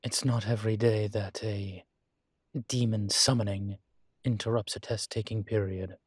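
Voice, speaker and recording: A man with a lowish voice plays a weary incubus college professor in an intimate scripted audio roleplay, gruff but fond. He speaks slowly and haltingly, sighing, candid, wry and welcoming. The recording is dry.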